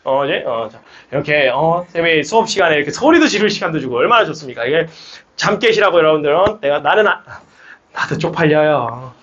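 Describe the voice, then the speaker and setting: Brief: young male math tutor, high and animated voice, muffled classroom recording. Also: a little fast, a little hiss or hum. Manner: lively, coaxing, rallies students with shouts. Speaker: math academy teacher. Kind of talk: classroom lecture. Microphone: speaker amplified mic.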